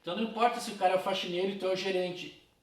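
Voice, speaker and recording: This recorded philosophy lecture, picked up from a distance in a roomy space, has a man teaching casually and speaking straight to his students. He talks rapid-fire in a high, fairly bright voice with a steady tone.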